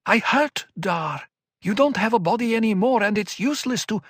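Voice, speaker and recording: A man's voice: animated, normal speed, vocal fry, fairly bright tone, breathy edge, no echo, studio quality, exaggerated voice. A man voicing an anguished, pleading young woman in an audiobook, his voice raised well above his own. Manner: pleading, emotional, raised pitch. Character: anguished young woman, former warrior sister.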